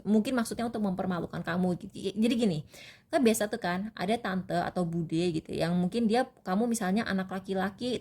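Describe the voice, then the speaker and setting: A woman's voice: mid-range voice, darkish tone. A woman from Indonesia talks through a tarot reading and gives advice. Her delivery is casual and rambling, full of fillers and restarts, like chatting with a friend. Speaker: tarot reader.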